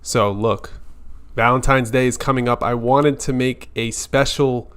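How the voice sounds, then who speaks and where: A man's voice: medium pitch, fairly even intonation, measured pace, fairly bright tone, clear, resonant tone. A man hosting a weekly live stream, talking casually and earnestly, reassuring viewers directly.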